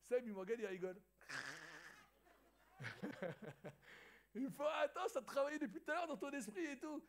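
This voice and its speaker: A man from France, a pastor, telling a lively anecdote in a sermon to his church, acting out the dialogue and laughing as he goes. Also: extremely high pitch, normal speed. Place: church hall.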